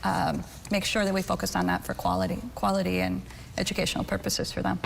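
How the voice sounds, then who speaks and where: A woman's voice: mid-range voice, quick pace, creaky. A woman leading a medical school, answering interview questions in an upbeat, proud way with light laughs. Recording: roomy hall echo, faint background noise.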